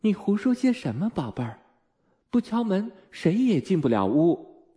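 Man plays a tender, puzzled mother in a storybook, gentle questioning tone, slightly raised voice. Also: high voice, big pitch swings, normal speed, pitched above the performer's own voice.

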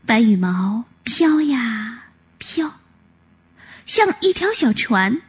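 Animated woman reading a children's story. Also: fairly high pitch, drawn-out words, slightly rough. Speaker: narrator.

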